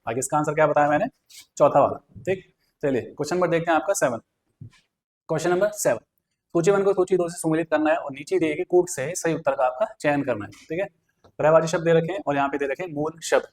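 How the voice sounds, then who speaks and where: A male teacher works through exam questions one by one, explaining each answer and checking back with his listeners as he goes. His voice sits a little on the high side. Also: fast, a little mellow. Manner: explains step by step with repeated fillers. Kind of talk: exam prep lesson.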